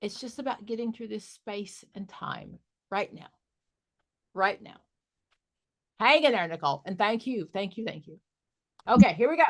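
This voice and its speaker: A woman's voice: mid-range voice, animated, moderate pace, pauses often. A middle-aged woman coaching an exam prep group, candid and joking with sassy asides. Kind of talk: live online study group.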